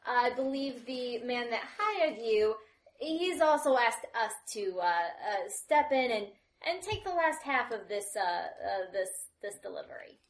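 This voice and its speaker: A woman's voice: a little high, animated, unhurried. A woman speaking in character as a player in a tabletop game, hesitant and full of fillers and restarts. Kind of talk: in-character tabletop role-play.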